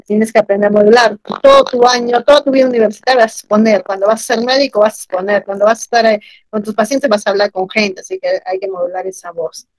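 A woman teaching grammar in an online class, animated and asking her students questions often. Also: fairly high pitch, fast talker, creaky, no room sound, poor audio.

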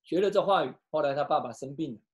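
A pastor preaching and telling a story, switching between hushed and loud delivery, with some halting restarts. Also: medium pitch. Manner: emotional, with sharp swings from hushed to loud. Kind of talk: storytelling sermon.

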